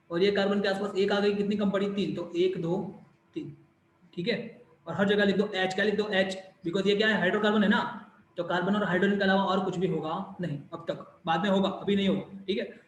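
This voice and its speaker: A man's voice: high-pitched, steady tone, moderate pace, roomy sound, a little hiss or hum, low-quality recording. A man teaching a chemistry class online, repeating questions and answering them himself, with bits of English mixed in.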